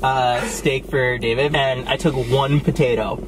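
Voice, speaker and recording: A man's voice: mid-range voice, fairly even intonation, unhurried, recorded from a distance, over a noisy crowd. A young man chatting playfully over food, laughing and swearing casually. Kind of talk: casual chat.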